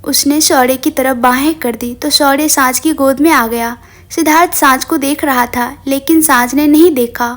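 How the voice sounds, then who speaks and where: A woman storyteller reading a tender drama with an expressive, emotional delivery. Her voice sits high and keeps a steady storytelling flow. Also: normal speed. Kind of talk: scripted story narration.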